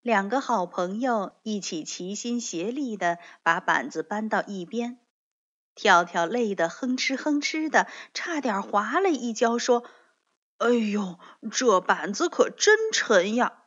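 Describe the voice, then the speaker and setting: A woman slowly reading a children's storybook aloud with expressive delivery. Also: mid-range voice. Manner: slow, expressive read-aloud. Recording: dull lo-fi recording.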